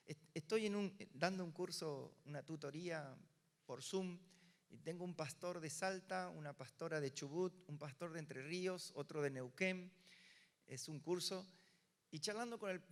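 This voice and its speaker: An older Argentine pastor with a Rioplatense Spanish accent preaches from the pulpit and acts out each voice in his story. His voice sits a little high for a man. The room's long reverb trails after his words. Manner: animated storyteller acting out dialogue. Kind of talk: sermon storytelling.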